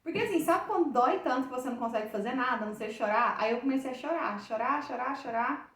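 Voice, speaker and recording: A woman's voice: sits high, lively intonation, fast talker, fairly bright tone, roomy sound, recorded from a distance. A woman with a Brazilian Portuguese accent giving an emotional church testimony to a group of women, retelling it with heartfelt repetition and many restarts.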